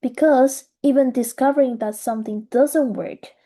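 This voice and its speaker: A young woman from Taiwan giving a measured, earnest presentation about her graduate studies. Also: sits high, mellow. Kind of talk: scripted presentation.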